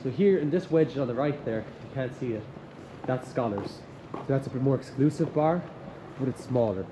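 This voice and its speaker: A man's voice: mid-range voice, expressive, normal speed. A young man giving an informal, enthusiastic walking tour, explaining things in a chatty, loosely phrased way. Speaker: campus tour guide, student. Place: outdoors, walking around a campus. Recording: noisy outdoor recording with traffic. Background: clear urban ambience and traffic noise.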